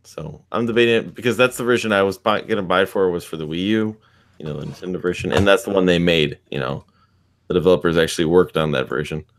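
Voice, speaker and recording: A man's voice: low-pitched, quick pace. A man chatting casually on a video call, rambling with many restarts and fillers.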